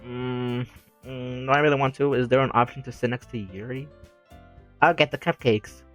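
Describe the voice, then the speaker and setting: A man's voice: medium pitch, flat delivery, fairly quick, fairly bright tone, soft background music. Giggly young man reading a game aloud. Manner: giggly, self-deprecating, rambling. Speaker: let's play gamer. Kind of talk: reading a visual novel aloud with commentary.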